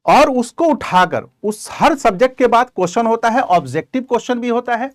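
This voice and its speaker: A man's voice: very high voice, expressive, fairly quick, no room sound, clean studio sound. A man teaching as an exam coaching teacher, giving direct, conversational advice to his students in an informal lecture.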